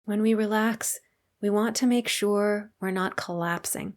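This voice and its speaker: This woman is a meditation teacher leading a guided session. Her mid-range voice moves calmly and without hurry, soothing the listener and leaving long pauses.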